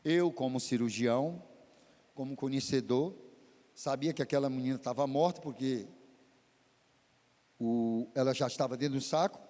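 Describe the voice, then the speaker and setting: Preaching in church, a pastor recounts a testimony with dramatic emotion and large pitch swings. He talks at a normal pace with frequent pauses, his mellow voice ringing with big-room sound.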